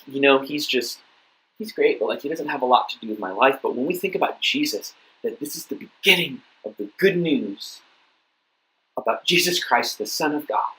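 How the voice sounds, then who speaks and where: A young man speaking to a youth group, easygoing and chatty, with a middle-pitched voice. He tells his story loosely, stumbling over and repeating words before he moves on to his point. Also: fairly bright tone, rough recording. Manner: casual storytelling, many fillers and repeated words. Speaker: youth pastor. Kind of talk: youth talk sermon with personal story.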